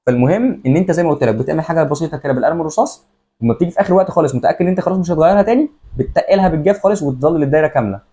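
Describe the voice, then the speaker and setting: A man's voice: fairly high pitch, lively intonation, warm tone. A young man with an Egyptian Arabic accent, casually walking students through exam tips, repeating each step aloud. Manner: rapid, repetitive, walks through steps aloud.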